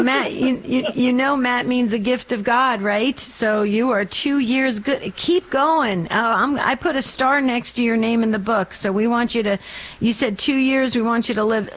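A woman co-hosting a call-in radio show, chatty and animated with callers. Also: on the high side, normal speed, low-quality recording. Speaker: radio co-host.

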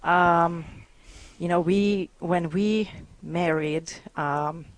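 A woman from Hungary, a guest on a radio show, telling her story earnestly with many pauses and ums. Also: fairly low pitch, no echo. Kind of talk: interview conversation.

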